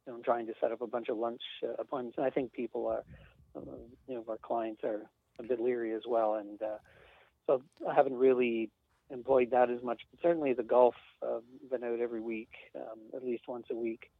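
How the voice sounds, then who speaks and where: A man's voice: mid-range voice, flat delivery, fairly quick, vocal fry, husky, dry recording. A man talking casually as a guest, rambling with fillers and light chuckles. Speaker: industry sales rep, guest. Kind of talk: casual conversation. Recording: dry, tinny phone-line sound.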